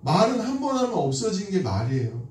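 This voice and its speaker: A man preaches in a church, telling stories in an easy, conversational way and asking his listeners questions. His voice sits high but sounds mellow. It is heard from a distant mic, with strong room echo. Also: huge pitch swings, a little fast. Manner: conversational, asks the congregation questions, acts out quoted lines. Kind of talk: sermon with storytelling. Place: church sanctuary. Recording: echoey hall from a distant mic.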